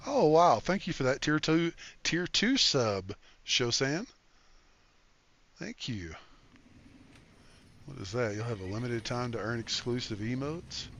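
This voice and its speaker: Man game streamer, relaxed, greets chat by name; mid-pitched voice, noisy stream. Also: a little slow, pauses often. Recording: stream with steady background noise.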